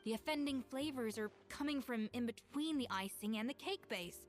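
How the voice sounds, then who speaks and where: An actress playing a self-assured young woman head chef in a video game, measured, firm and slightly wry. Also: a little high, soft background music, close to an everyday voice.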